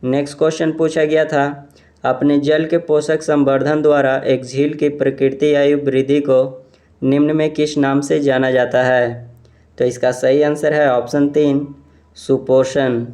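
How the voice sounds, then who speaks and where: Man, exam quiz narration, monotone delivery, steady question-and-answer rhythm. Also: on the high side, a little slow.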